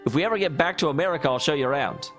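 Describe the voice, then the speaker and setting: A man's voice: a little high, racing, fairly bright tone. A man hosting a let's play, giving casual, rambling gaming commentary with speculative and self-deprecating asides. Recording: faint game music behind.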